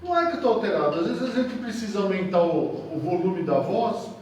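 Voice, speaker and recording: A man's voice: high-pitched, expressive, brisk, a little mellow, heavy reverb, a little hiss or hum. A man leading a group lesson, explaining with everyday examples and hesitant fillers, recorded on a camera mic from a distance. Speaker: discussion leader, teacher. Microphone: camera mic, speaking from a distance.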